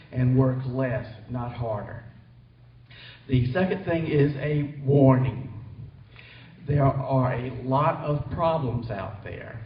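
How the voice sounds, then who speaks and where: A man gives an earnest technology update to colleagues at a company meeting, pausing now and then to find his words. He is distant from the microphone, and the meeting room echoes. The sound is dull, with light background hiss. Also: medium pitch. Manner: earnest, warning tone, some hesitations. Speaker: technology trainer. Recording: distant, roomy, dull hall recording.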